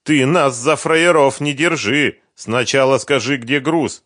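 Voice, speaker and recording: A man's voice: medium pitch, fairly even intonation, a little slow, fairly bright tone, dry recording, studio quality, voice pushed up, lightly acted. A man voicing a scornful, menacing gangster boss in an audiobook, taunting and barking demands. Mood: demanding.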